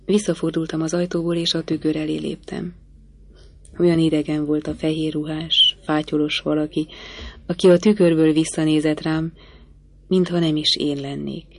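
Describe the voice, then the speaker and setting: A woman reading a novel aloud in the first person, with measured, expressive storytelling. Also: low-pitched. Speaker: audiobook narrator. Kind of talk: first-person literary narration.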